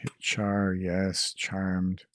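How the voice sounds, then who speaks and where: A man's voice: completely flat delivery, a bit bright. A tired man developing a game mod, thinking aloud as he reads code and tests it. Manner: mutters code to himself, tired, slow and low-key. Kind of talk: thinking aloud while coding and playing. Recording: clear background noise with keyboard typing.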